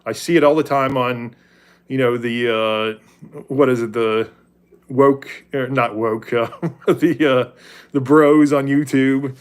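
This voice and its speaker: A man's voice: medium pitch, steady tone, slow, clear, resonant tone. 40s guy rambling on a faith livestream, candid, keeps correcting himself. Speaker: livestream host. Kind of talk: casual faith talk with viewers.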